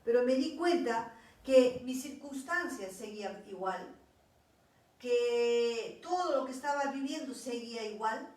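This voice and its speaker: A woman's voice: on the high side, animated, a little slow, darkish tone, heavy reverb, recorded from a distance. A woman preaching a sermon, earnest, with repeated pleading phrases.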